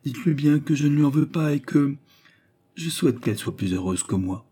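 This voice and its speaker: A shy, heartsick young giant who speaks hesitantly, as a man reads him in a novel. The voice is dark and slightly husky. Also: fairly high pitch, lively intonation, a little fast, pitched above the performer's own voice. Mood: wistful. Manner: timid, hesitant.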